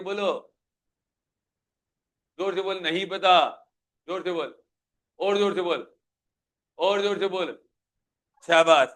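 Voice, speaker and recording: A man's voice: high voice, a bit bright. A male physics teacher with a Hindi accent giving a live classroom lecture, questioning students and pushing them to answer aloud.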